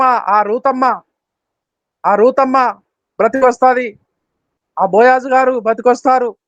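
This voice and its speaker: A man's voice: extremely high pitch, no room sound. A man in his fifties preaching an Easter sermon, emphatic and repetitive, with rhythmic lists and short English phrases. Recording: dull, dry lo-fi recording.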